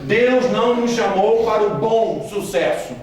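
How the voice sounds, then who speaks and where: A man's voice: high-pitched, a little slow. A man, a missionary giving a church training talk with humorous anecdotes, joking and asking the audience questions directly. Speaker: missionary speaker. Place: large hall with a live audience. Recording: echoey hall from far off, audience audible.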